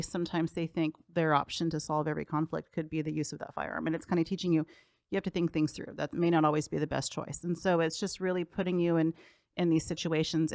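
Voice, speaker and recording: A woman's voice: low-pitched, a little mellow, no room sound. A woman who teaches a self-defense class, explaining it earnestly and steadily on a talk radio show. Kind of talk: casual talk radio chat.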